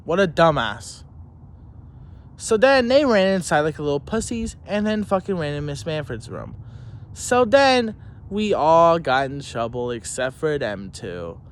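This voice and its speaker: A young student rants angrily to camera with a school story about teachers, rambling, swearing heavily and restarting his sentences. He's heated, indignant and mocking, and his voice is a little high, sing-song and unhurried.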